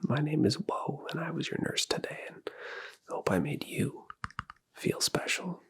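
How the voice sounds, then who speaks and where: A man's voice: a little high, big pitch swings, normal speed, fairly bright tone, pitched above the performer's own voice, heavily acted. Man playing a whispering male nurse, whispered role-play. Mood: soothing, attentive. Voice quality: breathy whisper. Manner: soothing, complimentary personal attention. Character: attentive, flirtatious male nurse giving a pampering facial.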